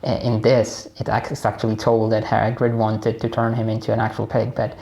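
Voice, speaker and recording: A man's voice: lowish voice, monotone, brisk, vocal fry, a little mellow. A man with a Pakistani accent hosting a casual personal book analysis, rambling with many fillers and restarts. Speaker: book discussion host.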